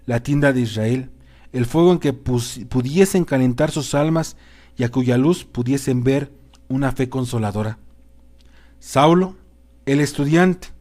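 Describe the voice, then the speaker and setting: Guy reading a novel out loud, kinda high voice, serious and solemn, leans hard into the questions. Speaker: audiobook narrator. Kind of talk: scripted narration.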